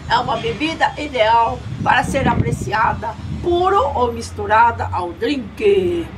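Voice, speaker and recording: A woman's voice: on the high side, lively intonation, a little slow. A middle-aged woman with a Brazilian accent presenting a product tasting to camera in a chirpy manner, mixing in Japanese phrases. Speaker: video channel host. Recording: noisy outdoor ambience.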